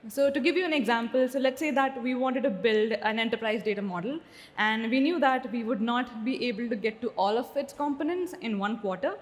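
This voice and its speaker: A woman speaking on a conference roundtable panel, explaining in a measured way with a few ums. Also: fairly high pitch. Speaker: panelist, data science. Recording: long hall reverb.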